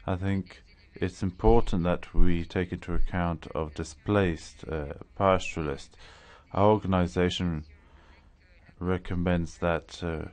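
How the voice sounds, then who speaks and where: A man with a very low voice works as a conference interpreter, rendering a speaker's remarks into English. His delivery is measured and halting, full of small pauses and restarts as he keeps pace with the speaker. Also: steady tone, a little mellow.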